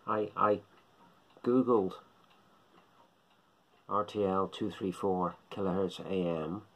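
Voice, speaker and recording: A middle-aged Englishman who vlogs about shortwave radio talks casually to camera in a small living room, recorded close up on a phone or webcam. His husky, gravelly voice is deep, steady, slow, and fairly bright. He rambles and muses, repeating himself.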